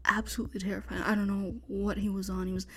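A young woman voicing a panicked sorority sister hiding from a killer, talking in hushed, frantic whispers and swearing often. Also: a little high, animated, measured pace, a little hiss or hum. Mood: urgent whisper. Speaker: voice actor in an audio roleplay. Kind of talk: one-sided audio roleplay.

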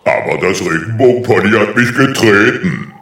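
A man's voice: fairly low pitch, expressive, normal speed, gravelly, fairly bright tone, reverberant, slight background noise. A man playing a big, grumpy dragon who protests sulkily in a children's cartoon audio play. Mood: sulky, protesting. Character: big grumpy male dragon, whiny when scolded.

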